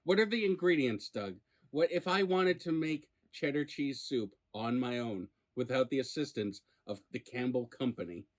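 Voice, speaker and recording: A man's voice: mid-range voice, moderate pace, few pauses, poor audio. A man hosting a food review in casual chat, probing with playfully incredulous questions. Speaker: food review show host.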